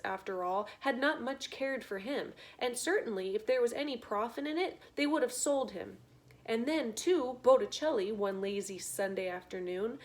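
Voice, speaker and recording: A woman reading a children's novel aloud in a slow, gentle, expressive way. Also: on the high side. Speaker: reader. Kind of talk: storybook read-aloud.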